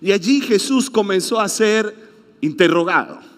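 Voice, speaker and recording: A man with a Venezuelan accent preaches a sermon in a church, telling the story with plenty of drama. His voice sits high and he takes his time. The hall around him rings with a long reverb. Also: animated, unhurried. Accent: Venezuelan Spanish. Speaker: pastor.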